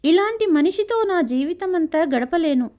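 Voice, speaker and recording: A woman voicing a proud, offended young woman who shouts at her fiancé. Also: very high voice, expressive, moderate pace. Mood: furious.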